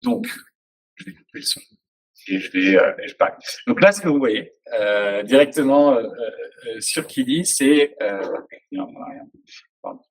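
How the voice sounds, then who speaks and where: A man's voice: mid-range voice, very animated, measured pace, pauses often, poor audio. A man giving a casual technical presentation, hesitant, with many fillers and restarts. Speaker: presenter at a tech talk.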